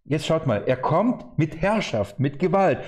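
A man preaching a sermon, emphatic and animated, asking his listeners rhetorical questions as he explains scripture. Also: a little high, measured pace. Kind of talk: sermon, Bible exposition.

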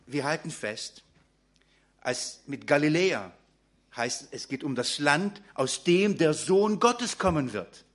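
German preacher, man, lively sermon delivery. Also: a little high, slow. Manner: addresses congregation directly, many fillers.

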